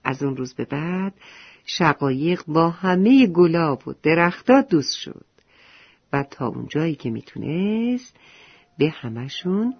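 A storyteller narrating a story to children in a lively way, sometimes dropping to a whisper. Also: mid-range voice, breathy edge, no room sound. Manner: animated, often dropping to a whisper. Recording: dull lo-fi recording with faint music.

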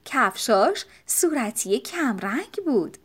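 A woman reads a children's storybook aloud, her fairly high voice rising and falling in lively swings. The telling is expressive and animated, made for young listeners. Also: husky. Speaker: audiobook narrator.

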